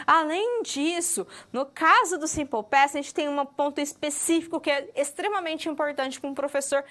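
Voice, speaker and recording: High-pitched woman teacher, slow patient lecture delivery with frequent checks. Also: sharp tone. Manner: patient, drawn-out explaining, often checks understanding with "ok?". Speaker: English teacher. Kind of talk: recorded online lecture.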